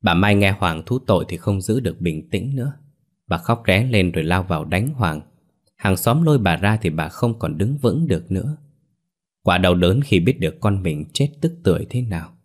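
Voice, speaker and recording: A man narrating a ghost story in a steady, dramatic way. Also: sits low, normal speed.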